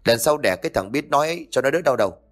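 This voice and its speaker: A man voicing a middle-aged husband who scolds in quick, irritable bursts. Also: medium pitch, lively intonation, a bit bright, voice pushed up, lightly acted. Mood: irritated. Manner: fast, snappish scolding.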